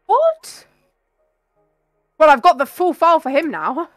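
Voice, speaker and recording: Playful, loud woman gaming buddy. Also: high voice, sing-song, a little fast, faint music behind. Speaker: co-player friend. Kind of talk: casual chat while gaming.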